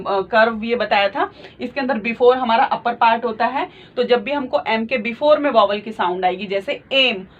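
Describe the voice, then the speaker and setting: Female teacher, patient and repetitive, slightly high voice, dull lo-fi mic. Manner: slow, patient, repeats each point, mixes English terms into Hindi. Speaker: shorthand teacher. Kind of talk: explaining lesson at a board. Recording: muffled lo-fi audio.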